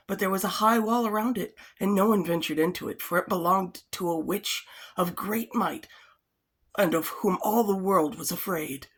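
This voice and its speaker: A woman's voice: medium pitch, slightly rough. A woman reading an old fairytale aloud in a casual way, breaking off now and then for wry comments. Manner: chatty, adds wry comments between passages. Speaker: storyteller.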